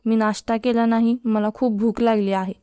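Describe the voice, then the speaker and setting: A woman's voice: a little high, little pitch movement, moderate pace, warm tone, clean tone, dry recording, clean studio sound, close to an everyday voice. A woman voicing an easygoing, supportive young male college student.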